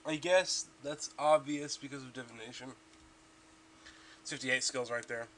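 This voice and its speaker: A man's voice: medium pitch, steady tone, moderate pace, a bit bright, slight background noise. A young man rambling casually about his gaming progress as a podcast host, stuffy from allergies, with lots of ums and restarts.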